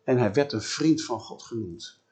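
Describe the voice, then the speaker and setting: Man preaching with lively storytelling. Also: mid-range voice, moderate pace. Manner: lively storytelling, acts out biblical dialogue in a casual voice. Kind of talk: sermon.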